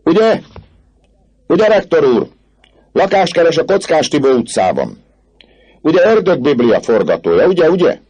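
A man voicing a rowdy crowd of young male students who shout mocking taunts in a much higher, louder voice than his narration. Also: sing-song, husky, full character voice. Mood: jeering.

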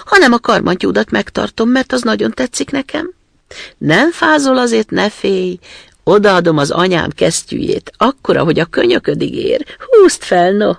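A brash robber girl from a fairy tale, fierce and teasing, as a man puts her on. She is pitched well above his own voice, her lines swinging up and down, with a husky, crackly grain. The sound is dry and close. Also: lively intonation, no room sound, full character voice. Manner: brash, threatening, loud.

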